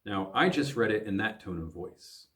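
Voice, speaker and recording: A man's voice: lowish voice, animated, moderate pace, a bit bright. A man, a pastor from the American Midwest, teaching a recorded Bible lesson for teens, thinking aloud with frequent fillers and restarts.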